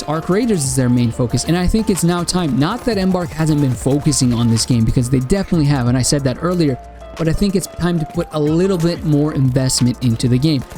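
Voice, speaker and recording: A male gaming content creator delivers a casual, opinionated spoken review of a game directly to his viewers. His voice is on the high side and a little mellow, but he is losing it and has a dry mouth.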